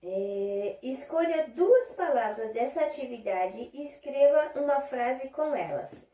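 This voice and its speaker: This primary school teacher has a high-pitched, creaky, mellow voice in a roomy-sounding space. She teaches young children in Brazilian Portuguese, patiently stretching out syllables as she models words and checking in with brief questions.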